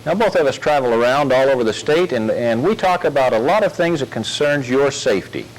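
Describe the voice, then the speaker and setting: A police officer gives a safety talk to schoolchildren, acting as the patient straight man to a ventriloquist dummy. His mid-range voice has lively intonation and a fairly quick pace. The recording is noisy, with a crowd of children in the background.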